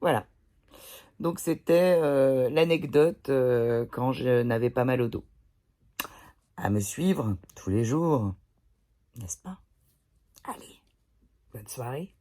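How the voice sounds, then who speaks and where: A woman vlogging to her phone indoors, telling everyday anecdotes in a blunt, chatty way with plenty of swearing. She takes her time over the words, unhurried and drawn out. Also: extremely low pitch, expressive, dark tone. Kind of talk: casual storytelling to camera. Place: indoors, pillow behind her. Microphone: phone camera.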